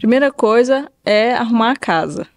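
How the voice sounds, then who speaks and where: A woman with a Brazilian Portuguese accent, a hairdresser talking as a podcast guest and giving practical advice in a casual, animated way, acting out what her clients say. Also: on the high side, moderate pace. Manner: animated, acts out clients' remarks in quoted voices. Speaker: guest, hairdresser and updo stylist.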